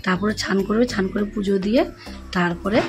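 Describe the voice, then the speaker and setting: A woman narrating a casual home vlog in a Bengali accent, chatting to her viewers as friends and speaking softly because she is unwell. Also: mid-range voice, moderate pace, soft background music. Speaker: vlogger. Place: home indoors.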